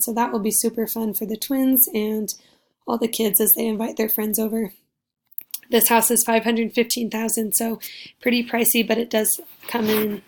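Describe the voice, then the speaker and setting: A young woman presenting a class project, her voice raspy because she is losing it, upbeat and full of fillers. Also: on the high side, darkish tone. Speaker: student presenter.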